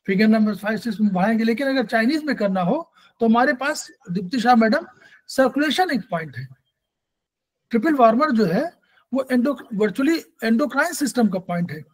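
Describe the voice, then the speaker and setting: A man's voice: very high-pitched, poor audio. A man teaching an acupressure class, explaining patiently and repeating key points, mixing English terms into his talk.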